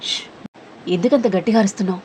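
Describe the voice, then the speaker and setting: A woman voicing a mysterious, calm young man in a spoken romance story, talking quietly and evenly. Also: slight background noise, close to an everyday voice. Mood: calm, teasing. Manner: quiet, low and measured.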